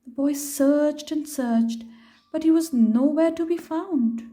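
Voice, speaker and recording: With a high-sitting voice, a woman shares a picture book with children, reading slowly and with lots of expression. Every so often she breaks off to pose questions to them.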